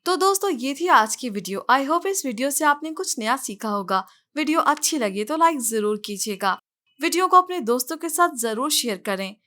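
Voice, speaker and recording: A woman with a bright, fairly high voice teaches English pronunciation. She drills one word after another, naming the wrong way and then the right one. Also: lively intonation, moderate pace. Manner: corrective, drilling words one by one. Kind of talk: pronunciation lesson.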